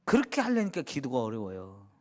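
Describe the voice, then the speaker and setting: A middle-aged male pastor from Chungcheong with a Chungcheong accent, preaching a sermon in a conversational way, asking the congregation questions and sometimes dropping to a hush. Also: medium pitch, huge pitch swings, fairly quick. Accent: Chungcheong Korean. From Chungcheong, Korea. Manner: conversational, asks the congregation questions and answers them; drops to a soft hush when quoting prayers.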